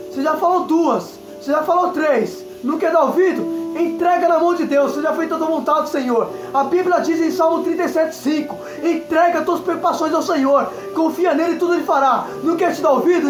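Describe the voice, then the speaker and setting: A man with a Brazilian Portuguese accent preaching a fervent Pentecostal sermon, often repeating catchphrases and shouting praise. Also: very high-pitched. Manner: fervent, repeats "entenda isso aqui", exclaims aleluia. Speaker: evangelist preacher. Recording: echoey room with faint music. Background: faint music.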